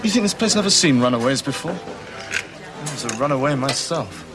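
A man's voice: medium pitch, very animated, moderate pace. An actor playing a knowing man in a bar who questions young runaways, heard in a clip from a TV drama with music under his voice. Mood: probing.

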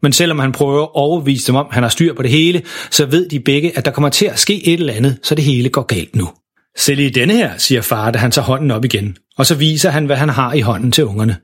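A man narrating a children's story in a lively, expressive way. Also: mid-range voice, few pauses, breathy edge.

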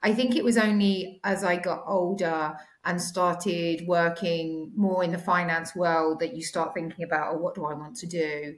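A woman in her forties with a slightly croaky, sore-throated voice, chatting casually and a little hesitantly as a podcast guest. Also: on the low side, fairly even intonation, normal speed, hardly any pauses. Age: 40s. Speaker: podcast guest, finance executive. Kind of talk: casual interview chat. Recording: echoey home recording.

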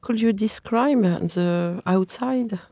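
A woman's voice: medium pitch, slow, gravelly, warm tone, no room sound, clean studio sound. A woman with a French accent, hosting a podcast with introductions and interview questions. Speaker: podcast host.

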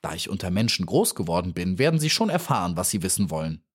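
A man's voice: big pitch swings, fast talker. A man voicing a cheeky, boastful little female housefly in a storybook reading, cocky and dismissive. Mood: huffy, chatty. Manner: cocky and dismissive, then shrill and pleading.

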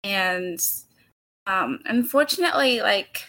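A woman in her thirties, born in the Philippines, a podcast guest speaking hesitantly with pauses and ums. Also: medium pitch, lively intonation, bright, forceful tone. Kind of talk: casual chat.

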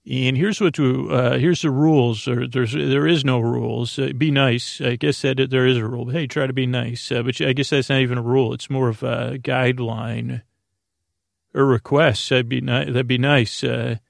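A podcast host with a creaky, gravelly voice runs a bedtime show recorded close and dry, with no echo. His monologue meanders in halting phrases as he often stammers over words, interrupts himself, and corrects himself. The delivery is droning and low-stakes, his tone steady.

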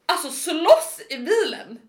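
A woman in her twenties tells a story in casual chat, animated, swearing freely, and acting out quotes. Her voice is very high-pitched, and the room sounds echoey.

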